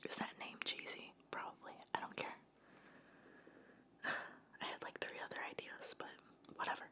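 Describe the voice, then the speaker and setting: A woman hosting her own show, whispering softly for ASMR with tasting and eating sounds and playful asides, close to the microphone. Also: moderate pace. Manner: playful, self-mocking asides.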